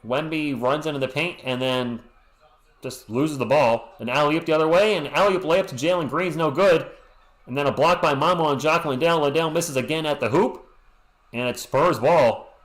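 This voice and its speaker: With a roomy echo around him, a sports stream host from Western Massachusetts talks through a basketball game play by play. His voice sits on the high side and moves at normal speed. Between plays he keeps things chatty, joking around and replying to chat messages with playful asides.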